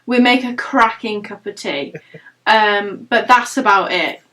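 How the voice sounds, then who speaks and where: A woman's voice: medium pitch, a little slow, bright, forceful tone, rough recording. A young woman from Wales with a Stoke accent, chatting casually as a podcast co-host. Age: young adult. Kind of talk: casual chat.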